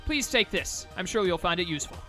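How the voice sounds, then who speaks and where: An earnest, grateful fox creature from a video game, read aloud by a man, speaks sincerely in a high, bright voice. The delivery is measured, with music faintly behind it. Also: expressive. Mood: warm, grateful.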